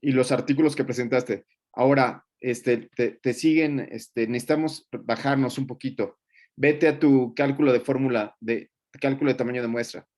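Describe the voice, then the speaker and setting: A man's voice: mid-range voice, fairly even intonation, normal speed, darkish tone. Joking man giving class feedback. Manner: colloquial and joking, with many fillers. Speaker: teacher. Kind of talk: classroom feedback on student presentations.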